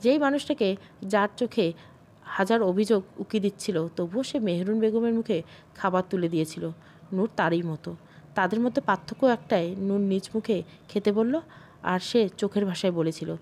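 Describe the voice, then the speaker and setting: Female storyteller, steady scripted narration, middle pitch. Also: moderate pace, slight background noise.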